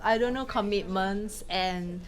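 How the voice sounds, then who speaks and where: A woman from Malaysia, a film director, answering questions in a casual talk with quick anecdotes and frequent laughs. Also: medium pitch. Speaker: film director giving a masterclass.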